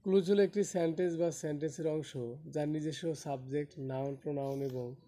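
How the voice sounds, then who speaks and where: Guy teaching english grammar to a class, mellow voice, quizzes kids and scolds them, bit of faint noise. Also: fairly high pitch, steady tone, fairly quick. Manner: quizzes students, scolding and colloquial. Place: classroom with students.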